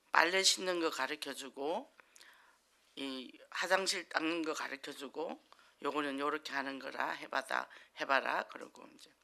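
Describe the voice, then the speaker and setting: A woman's voice: fairly low pitch, bright, forceful tone. A woman pastor giving a chatty sermon in church, acting out little quoted exchanges and laughing often. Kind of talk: conversational sermon.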